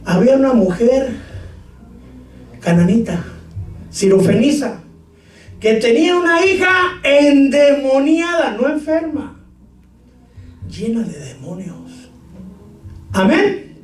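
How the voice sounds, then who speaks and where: Shouting preacher in an echoey hall. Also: male voice, very high-pitched, animated, slow pace, long pauses, soft background music. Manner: shouts scripture, jokes with congregation. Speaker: pastor. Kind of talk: sermon. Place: church hall. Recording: echoey room, far from mic.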